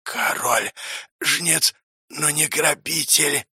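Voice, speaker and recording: A man voicing a towering vengeful male undead ghost, speaking in slow, broken, whispery rasping phrases. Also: a little high, pushed and bright, dry recording, clean studio sound, pitched above the performer's own voice, exaggerated voice. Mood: eerie brooding. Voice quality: slow eerie whispery rasp.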